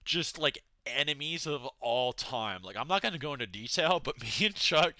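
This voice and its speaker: A man's voice: mid-range voice, expressive, normal speed, pushed and bright, no echo. A man livestreaming in a casual, laid-back way, rambling through slangy, profane chat and replies to donations. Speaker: livestreamer reading donation messages.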